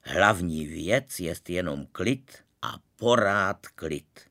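A man voicing a courteous old-fashioned doctor who speaks calmly and formally. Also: low voice, dry recording, studio quality, pitched below the performer's own voice, close to an everyday voice. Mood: soothing. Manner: soothing, formal.

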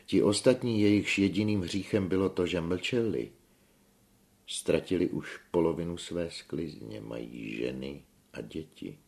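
A man reading the lines of an earnest young man who speaks in a measured, reasoning way. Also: deep voice, creaky, darkish tone. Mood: persuasive.

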